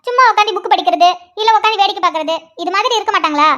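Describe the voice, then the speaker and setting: This is a snappy, fed-up young woman in a cartoon with a very high voice, as a woman plays her. She sounds exasperated and short. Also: very fast, sharp tone. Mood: irritated. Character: irritated young woman, a student.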